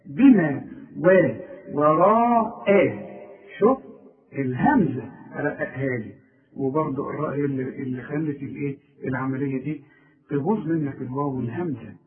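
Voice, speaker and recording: A man with an Egyptian Arabic accent teaching Quran recitation one-on-one. He corrects pronunciation and stretches words out slowly to demonstrate them. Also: mid-range voice, a crowd in the background. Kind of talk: one-on-one tajweed lesson. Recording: tinny phone-like line, far from mic.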